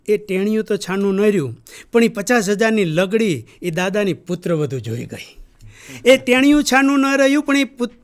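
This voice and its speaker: A man with a notably high voice gives a training lecture to farmers. He tells stories and keeps asking his listeners questions to pull them in. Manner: storytelling with rhetorical questions to the audience. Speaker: agriculture trainer. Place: training hall.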